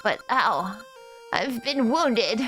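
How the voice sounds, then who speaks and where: An earnest old royal nurse from a fantasy game, as a woman acts her out. She speaks slowly and pleadingly, like an elderly lady, over faint music. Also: a little high, expressive, a bit bright, full character voice.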